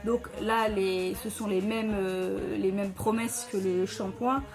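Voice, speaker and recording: A woman's voice: medium pitch, steady tone, slow, over music. A woman chatting casually at home as she reviews hair products, with many fillers and restarts. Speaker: beauty vlogger.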